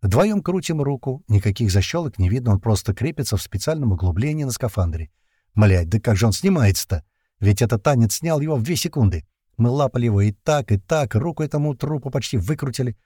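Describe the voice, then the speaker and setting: Casting: male first-person narrator, tense and colloquial, mellow dark timbre, dry close sound. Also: medium pitch, lively intonation, a little fast, husky, dry recording. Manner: tense, colloquial storytelling with slang. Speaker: audiobook narrator.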